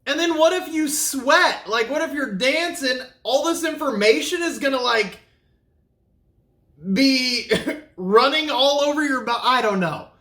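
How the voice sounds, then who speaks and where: Bright-voiced upbeat male vlog host. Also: extremely high pitch, lively intonation, a little slow. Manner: upbeat, chatty, talks to viewers while snacking. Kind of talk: casual vlog chat. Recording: echoey room.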